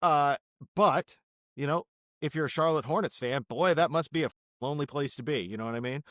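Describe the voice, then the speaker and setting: A man co-hosting a casual sports podcast who reasons through his points in a measured way. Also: fairly high pitch, a bit bright, no room sound, clean studio sound. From Boston area. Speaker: podcast co-host.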